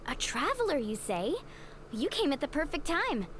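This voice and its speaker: A woman voicing a bright, encouraging young woman in a video game, reassuring and upbeat. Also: sits high, sing-song, moderate pace.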